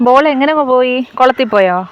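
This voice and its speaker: A woman's voice: sits high, a little fast, clean tone, highs cut off. A young woman and mother chatting casually in a family vlog, coaxing and teasing small children.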